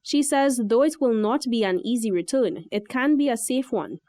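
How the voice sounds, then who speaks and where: A woman reporter reading a scripted news package in a formal, even delivery. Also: on the high side, moderate pace, no room sound, clean studio sound.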